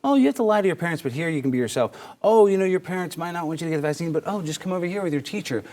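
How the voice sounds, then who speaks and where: A man co-hosting a talk show, joking and teasing in an animated way. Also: on the high side, rapid-fire. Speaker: co-host. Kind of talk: casual political talk show banter.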